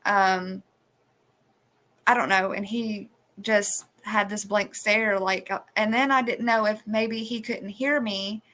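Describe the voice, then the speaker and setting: Woman rambling on her phone live, bright voice, lots of restarts. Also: mid-range voice, steady tone, slow pace. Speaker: live stream host. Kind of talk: casual chat.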